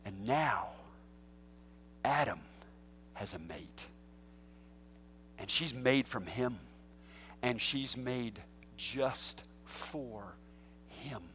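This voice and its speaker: A man preaching a sermon as pastor, animated and jokey, swinging between loud bursts and hushed asides. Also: mid-range voice, breathy edge, big-room sound.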